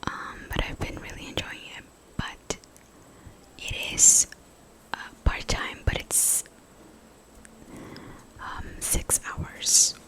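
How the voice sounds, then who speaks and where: Young woman, hushed whisper, casual ASMR ramble, slow and halting, conversational. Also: poor audio. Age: young adult. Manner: hushed voice, pure unvoiced whisper. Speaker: ASMR content creator.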